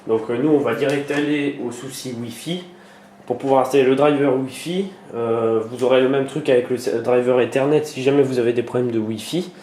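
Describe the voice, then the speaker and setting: Speaking a little fast with a dark tone and fairly even intonation, a tutorial maker explains a computer task as he performs it on screen. His medium-pitched male delivery is halting, packed with fillers and restarts, in an echoey room with faint noise.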